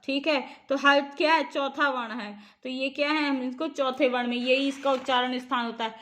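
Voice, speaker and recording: Brief: high-pitched woman tutor, repeats each point and quizzes the viewer on grammar for exam prep. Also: fairly even intonation, moderate pace, fairly bright tone, slight background noise. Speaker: teacher.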